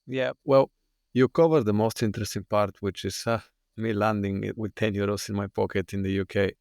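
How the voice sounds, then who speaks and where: A Bulgarian man telling his own story as a podcast guest, earnest and halting with many restarts. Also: on the low side, fairly even intonation, a little mellow, clean tone, no echo, clean studio sound. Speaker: guest, fitness coach. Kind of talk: podcast interview.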